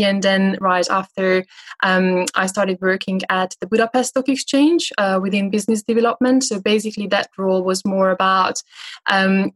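Woman in her thirties, interview guest, halting delivery with frequent fillers. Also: mid-range voice. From Hungary. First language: Hungarian. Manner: hesitant, frequent filler sounds. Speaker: guest investment manager. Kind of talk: conversational interview answers.

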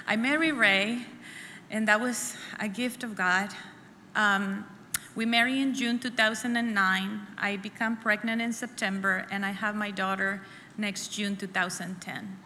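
At a church women's conference, a middle-aged Salvadoran woman gives her testimony in an earnest, halting way, repeating phrases frequently. Her medium-pitched voice is bright and forceful with fairly even intonation, and the hall echoes with faint room noise.

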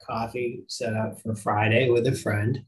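A man's voice: mid-range voice, level tone, measured pace, low-quality recording. Reflective middle-aged male podcast host. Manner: reflective, anecdotal. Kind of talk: casual interview conversation.

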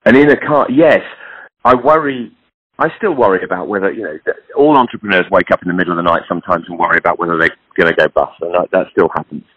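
Talking quickly in a low, slightly rough voice, a British clothing entrepreneur in his sixties is frank, rambling and self-deprecating as a guest in a casual podcast conversation. The recording is dry and dull.

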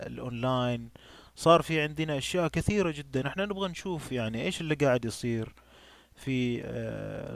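A man hosting an interview podcast, steering the talk briskly from one topic to the next. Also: mid-range voice, vocal fry, no echo. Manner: brisk, guiding, with short backchannels. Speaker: podcast host.

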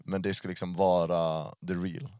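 A man's voice: low voice, level tone, a little mellow, clear, resonant tone, no echo, clean studio sound. A young man hosting a podcast in casual, slangy chat sprinkled with English phrases. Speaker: podcast host.

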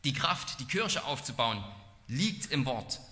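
Male preacher, earnest and measured, very bright tone, long hall echo. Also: medium pitch, big pitch swings. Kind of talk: expository sermon.

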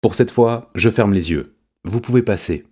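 A man putting on a shrill, bossy chimp. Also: moderate pace, warm tone, slightly rough. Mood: backing down. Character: greedy shrill male chimpanzee cashier.

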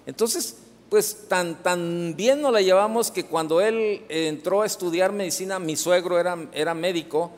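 A middle-aged Mexican man preaches in a fairly high voice, telling a story in a loose, conversational way. He breaks off and starts over often and keeps checking in with the congregation. His voice carries a long reverb from the church hall. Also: normal speed. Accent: Mexican Spanish. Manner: storytelling with many restarts and asides to the congregation. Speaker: pastor. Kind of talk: sermon.

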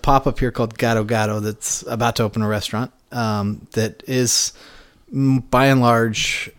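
A man's voice: medium pitch, fairly even intonation, moderate pace, smooth. Man hosting a casual podcast. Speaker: podcast host. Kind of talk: casual interview chat. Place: home basement.

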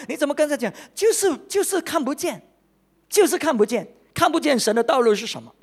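A man preaching a sermon as a pastor, animated and exclaiming, swinging between loud bursts and quiet asides, often pausing on "OK" and fillers. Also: very high voice, gravelly. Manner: peppers talk with "OK" and drawn-out fillers.

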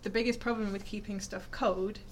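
A woman's voice: medium pitch, steady tone, fairly quick, slight background noise. A woman, a scientist, explaining physics informally to listeners, chatty and enthusiastic, with lots of fillers and restarts. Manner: chatty and enthusiastic, full of fillers and self-corrections.

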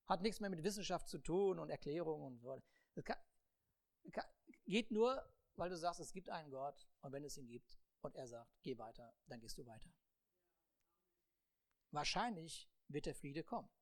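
A preacher delivers a humorous sermon, acting out the people in a Bible story and laughing often. His voice sits at medium pitch with lively intonation and a moderate pace.

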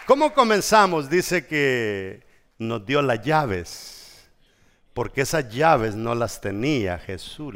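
A man's voice: medium pitch, fairly bright tone, slight background noise. A man preaching a sermon as pastor, emphatic and full of rhetorical questions. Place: church. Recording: echoey church hall.

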